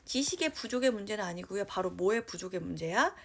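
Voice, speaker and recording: Brisk, chatty woman teaching English grammar. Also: medium pitch, a little hiss or hum. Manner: lively, constant check-in questions to students; reads English sentences slowly while writing them out. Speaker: high school English teacher. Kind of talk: online grammar lecture.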